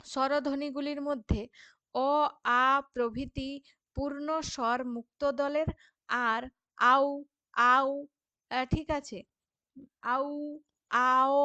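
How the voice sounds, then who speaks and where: Higher-voiced woman teaching grammar. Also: pushed and bright, no room sound. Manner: patient, repeats examples and asks checking questions. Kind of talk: classroom lesson explaining grammar.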